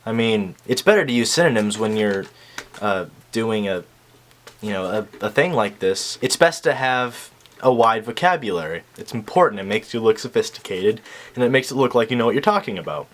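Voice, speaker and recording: A man's voice: fairly low pitch, lively intonation, normal speed, a bit bright. Sarcastic young man reacting casually. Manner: sarcastic, rambling, with fillers. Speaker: YouTuber reacting to an infomercial.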